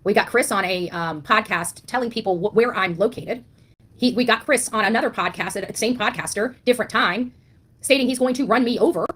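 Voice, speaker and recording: Speaking fairly quickly in a husky, slightly bright mid-range voice, a woman rants online about a missing child. Her tone is indignant and blunt, and she keeps firing rhetorical questions and repeating herself for emphasis.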